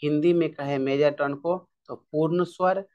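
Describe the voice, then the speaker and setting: A man's voice: fairly high pitch, fairly even intonation, unhurried, darkish tone, dull audio. A male music teacher giving an exam-prep lesson, repeating key terms over and over in a drill style.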